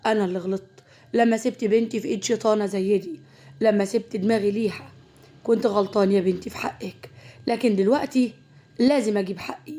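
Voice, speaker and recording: A woman's voice: mid-range voice, steady tone, fast talker, close to an everyday voice. A woman voicing an enraged middle-aged father who rages at his wife, with an Egyptian Arabic accent. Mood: bitter. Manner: raging, shouting.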